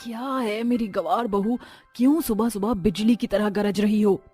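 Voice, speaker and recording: A woman's voice: mid-range voice, normal speed, mellow, breathy edge, faint music behind, lightly acted. A woman voicing a scornful, haughty middle-aged city mother-in-law who scolds and sneers.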